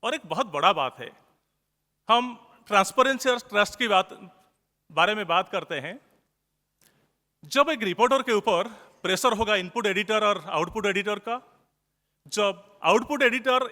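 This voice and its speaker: A man's voice: high voice, bright, forceful tone. A man with an Odia accent, a news editor giving an earnest conference speech and repeating key phrases for emphasis. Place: large conference hall. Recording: long hall reverb.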